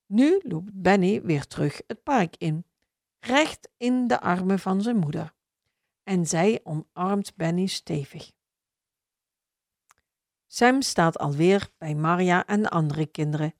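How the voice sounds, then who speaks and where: A woman reading a children's story aloud in a slow, expressive storybook manner. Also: fairly low pitch, no room sound, clean studio sound.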